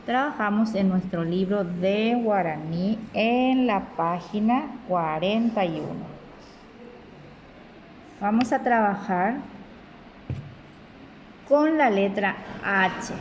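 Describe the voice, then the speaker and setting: A woman teacher, speaking slowly and deliberately to children in a recorded lesson, spelling out syllables one by one. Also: medium pitch, darkish tone, a little hiss or hum, rough recording. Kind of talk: slow recorded remote lesson.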